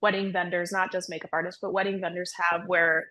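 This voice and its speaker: A woman's voice: lowish voice, level tone, fairly quick, pushed and bright. A woman in her thirties, a podcast guest, telling a story casually with lots of "like" fillers. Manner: chatty, frequent "like" fillers, laughs while telling stories. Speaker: guest, bridal makeup artist.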